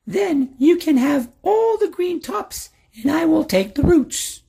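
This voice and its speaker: A man voicing a crafty, quick-witted old male farmer in a storybook reading, in a strained, very high put-on voice. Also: lively intonation, creaky, mellow, heavily acted. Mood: sly.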